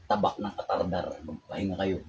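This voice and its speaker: A man's voice: sits low, fairly even intonation, a little fast, gravelly, heavy background noise. A man leading a healing ritual, giving commands and chanting prayers. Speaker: faith healer.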